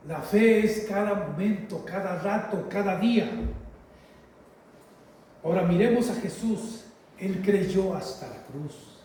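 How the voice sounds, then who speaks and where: A man with a high, warm voice preaches a slow, emphatic sermon, repeating phrases and addressing his listeners as brothers. He sounds far off in a very echoey, cathedral-like hall, with faint noise in the recording.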